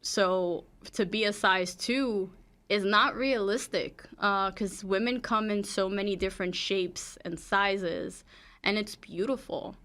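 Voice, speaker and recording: A woman's voice: mid-range voice, slow, a bit bright. A woman from the Bronx with a New York accent, a comedian guest talking candidly and laughing easily in a casual interview. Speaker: stand-up comedian and podcast guest.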